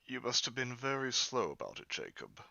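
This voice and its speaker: A man's voice: mid-range voice, wildly swooping pitch, fairly quick, creaky, bright, forceful tone, no room sound, muffled recording, full character voice. A man doing a subdued old miser. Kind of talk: amateur dramatic reading.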